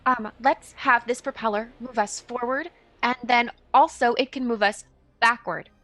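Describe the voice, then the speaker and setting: A woman's voice: on the high side, steady tone, normal speed, fairly bright tone. A woman chatting casually as a player in a tabletop game. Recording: music playing behind the voice. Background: music.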